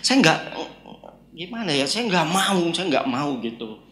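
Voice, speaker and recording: A man giving a personal faith testimony as a guest, telling his story lively and shifting between hushed and loud moments. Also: on the high side, a little slow, reverberant.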